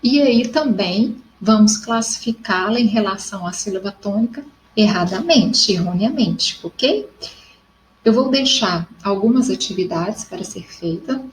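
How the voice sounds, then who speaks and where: A woman's voice: mid-range voice, animated, a little slow, slight background noise, low-quality recording. A woman from Brazil teaching a recorded grammar lesson, explaining step by step and often checking in with her students.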